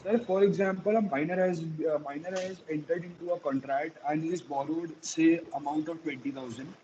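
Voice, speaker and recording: A man's voice: fairly high pitch, fairly even intonation, fairly quick, mellow, highs cut off, a little hiss or hum. A young man with an Indian accent speaking as a student in class, hesitant and deferential as he puts a question. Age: young adult.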